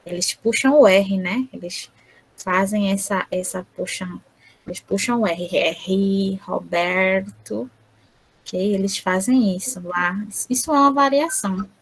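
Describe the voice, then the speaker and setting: A woman interpreting an online lecture aloud, speaking haltingly with frequent tag questions. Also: medium pitch, husky, poor audio.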